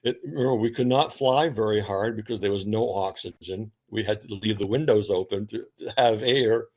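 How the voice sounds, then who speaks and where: Older veteran reminiscing in a low voice. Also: male voice, normal speed, darkish tone. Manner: rambling, anecdotal reminiscing with repeated starts. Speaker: interviewee, retired Navy veteran. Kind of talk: old veteran remembering, conversational storytelling.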